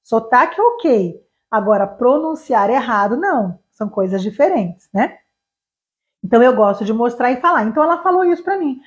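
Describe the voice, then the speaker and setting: A woman's voice: a little high, expressive, moderate pace, lo-fi sound. A Brazilian woman, an English teacher, giving a live online lesson, explaining animatedly with examples and rhetorical questions. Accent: Brazilian Portuguese.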